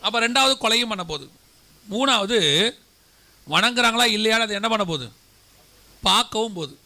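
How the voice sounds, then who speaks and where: A man preaching in a high, bright and forceful voice. He keeps firing rhetorical questions at his listeners and draws key words out slowly for emphasis. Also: lively intonation. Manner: slows to stress scripture words. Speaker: pastor. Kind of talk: sermon.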